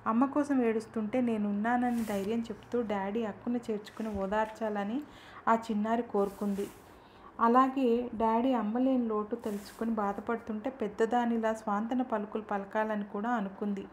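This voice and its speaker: A woman narrating an audiobook story in a calm, measured reading manner. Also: a little high, a little hiss or hum.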